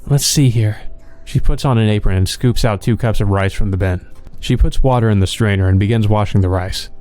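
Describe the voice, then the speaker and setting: For a let's play, a man reads visual novel narration aloud in a plain, measured storytelling manner. His voice is lowish with a darkish tone.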